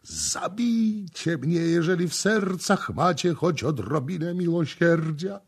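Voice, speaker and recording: A man's voice: fairly high pitch, lively intonation, slow, husky, voice pushed up, heavily acted. A man voicing a tormented male prisoner who screams and wails from an underground pit. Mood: agonized. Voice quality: raised strained cries. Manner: wailing, crying out in agony.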